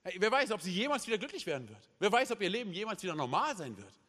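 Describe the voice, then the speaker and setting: Male pastor, sermon, high voice, impassioned, loud-to-hushed swings, conversational tags, long hall reverb. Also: big pitch swings, fast talker. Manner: peppers speech with "hey" and "oder?" tags. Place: church service hall.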